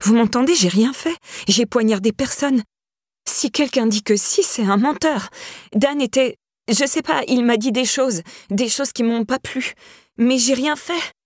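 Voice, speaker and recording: A woman's voice: fairly high pitch, unhurried, no echo, studio quality, voice pushed up. A woman voicing an anxious young woman questioned by the police, talking in a pleading, rising, panicky way.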